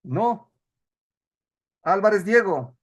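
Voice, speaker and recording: A man's voice: sits high, expressive, very slow. A man teaching an online class, explaining rules and putting questions to students over a video call.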